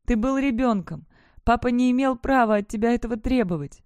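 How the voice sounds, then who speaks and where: A woman's voice: a little high, brisk, a little mellow, no echo, voice pushed up, natural voice. A woman voicing a desperate young witch crying out to her brother in an audiobook. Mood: frantic. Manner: frantic, crying out.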